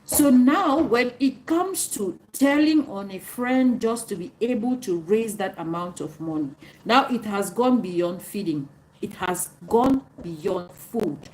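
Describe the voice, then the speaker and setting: A woman's voice: medium pitch, animated, slow pace, darkish tone, rough recording. A woman from Cameroon with a Cameroonian accent, streaming live and answering viewer comments in an emphatic, repetitive, preachy way. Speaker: livestreamer.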